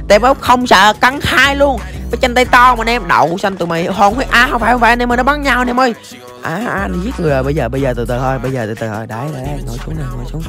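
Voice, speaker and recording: Game streamer, very quick talker, excitable exclamations, faint music behind. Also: mid-range voice. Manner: excitable, rapid-fire exclamations to viewers. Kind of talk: live gameplay commentary.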